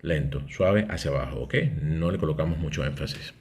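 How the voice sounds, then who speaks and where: A man's voice: extremely low pitch, brisk, darkish tone, a little hiss or hum. A man, teaching an English grammar lesson and explaining step by step, often checking in with "¿ok?".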